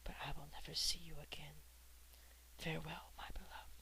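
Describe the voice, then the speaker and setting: Narrator whispering as a dying lovesick knight. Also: male voice, fairly high pitch, flat delivery, normal speed, gravelly, heavily acted, low-quality recording. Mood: grieving. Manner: soft whisper.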